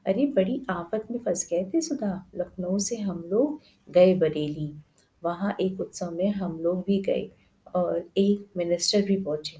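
A woman narrator voicing a lively, teasing young woman who talks fast and bosses others around, in a storybook reading. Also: lowish voice, lightly acted, poor audio. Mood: worried. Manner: chatty, bossy, teasing.

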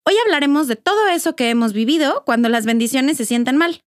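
High, expressive Mexican woman host. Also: brisk. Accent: Mexican Spanish. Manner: expressive, emphatic, slangy. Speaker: podcast host. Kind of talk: casual chat.

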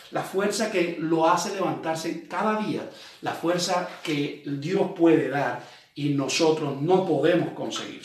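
Echoey preacher man, distant mic. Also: high voice. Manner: conversational preaching with frequent rhetorical "¿verdad?"; reads scripture aloud slowly, then explains it. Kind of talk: sermon.

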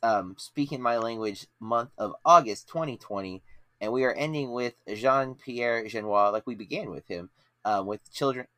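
A man's voice: mid-range voice, moderate pace, bright, forceful tone, no room sound. A man in his late thirties hosting a movie podcast, talking in a casual, rambling way with many fillers and restarts. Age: 30s. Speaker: podcast host. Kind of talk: casual chat.

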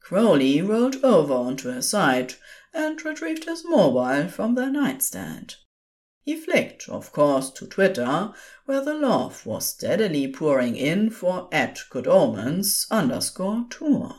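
A woman's fairly low-pitched voice carries a piece of scripted audio fiction. She narrates as a storyteller, expressive and measured.

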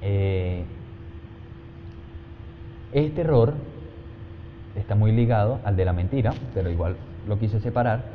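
A man's voice: fairly low pitch, takes it slowly, long pauses. A man giving parenting advice straight to the viewer, emphatic and often checking in with the listener. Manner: emphatic, repeats checking tag questions. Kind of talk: direct-address advice talk. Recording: dull lo-fi sound with steady noise.

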